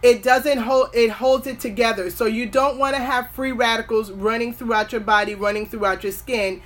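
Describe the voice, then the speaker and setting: Speaking at a moderate pace in a steady tone, this woman's voice sits on the high side. She's in her forties, hosting a skincare video with casual on-camera advice that is earnest and motivating, though she sometimes wanders off topic.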